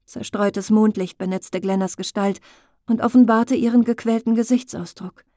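A woman narrating an audiobook in a slow, intimate, emotive storytelling manner, recorded close on a studio mic. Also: medium pitch, steady tone, mellow, no room sound. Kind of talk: scripted narration.

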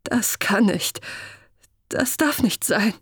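A woman's voice: mid-range voice, expressive, a bit bright, husky, dry recording, studio quality, heavily acted. A woman voicing a stammering teenage prince. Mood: distraught. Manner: stammering, halting. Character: young male crown prince, sixteen, shaken and grieving.

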